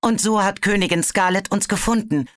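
Narrator doing a jittery young male dragon, stammering, high and tense, storybook voice. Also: normal speed, no echo, studio quality, natural voice. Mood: nervous. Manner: stammering, hesitant. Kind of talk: audiobook character voice.

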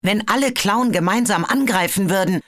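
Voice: medium pitch, moderate pace, a bit bright, no echo, clean studio sound, pitched above the performer's own voice, lightly acted. A storybook narrator voicing a nervous male dragon who stammers and hesitates. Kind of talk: audiobook character voice.

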